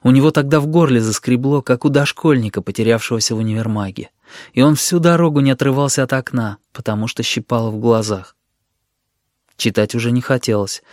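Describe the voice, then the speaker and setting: A man narrating a story in a gentle, even audiobook reading. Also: mid-range voice, brisk, no echo, clean studio sound.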